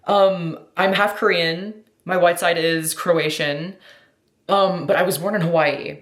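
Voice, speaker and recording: An American vlogger from the United States answers questions in a casual Q&A chat, effusive and slangy, swearing freely and saying "like" constantly. Her voice is on the low side, with a steady tone and measured pace, recorded with roomy echo.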